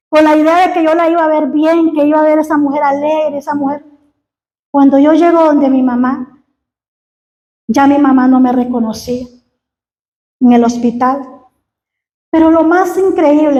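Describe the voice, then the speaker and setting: A middle-aged woman giving an earnest testimony as a sermon, halting and restarting often. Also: sits high, mellow, roomy sound, muffled recording. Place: church hall.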